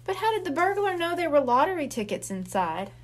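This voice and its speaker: A woman reading aloud as an excitable young boy who asks eager questions. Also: high voice, a little fast, voice pushed up.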